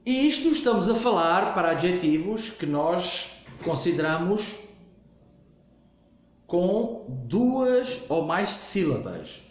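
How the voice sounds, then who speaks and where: A man teaching English grammar in a recorded lesson, explaining slowly and repeating himself with frequent "ok?" checks. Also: sits high, big pitch swings, heavy reverb.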